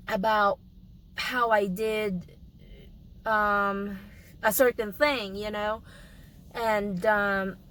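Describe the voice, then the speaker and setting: A young adult woman with a hoarse voice from a cold, coughing now and then, giving a casual vlog update in a halting way with many pauses and restarts. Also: medium pitch, a bit bright, a little hiss or hum, low-quality recording. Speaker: vlogger.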